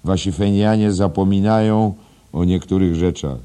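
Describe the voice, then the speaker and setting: A man's voice: sits low, moderate pace, warm tone, voice pushed up, lightly acted. A man voicing a pompous, preachy old schoolmaster who lectures in an emphatic, self-satisfied way in an audiobook. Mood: stern.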